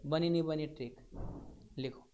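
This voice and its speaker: A man's voice: on the high side, fairly even intonation, normal speed, a little mellow, dull audio. A man teaches physics to a classroom. He questions his students step by step as he works through the problem, keeping the lesson moving. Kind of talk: classroom lecture.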